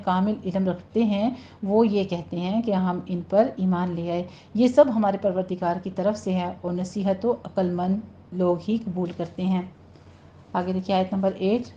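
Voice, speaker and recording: A woman teaching Quran recitation rules. She draws each word out slowly as she demonstrates it, then explains at a brisker pace. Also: mid-range voice, fairly even intonation, slight background noise. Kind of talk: recitation lesson. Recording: dull lo-fi sound.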